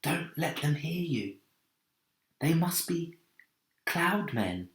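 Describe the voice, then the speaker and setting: A man voicing a cautious young boy in a storybook, speaking in a hushed, whispery way. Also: on the high side, sing-song, slow pace, voice pushed up, heavily acted. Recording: echoey room.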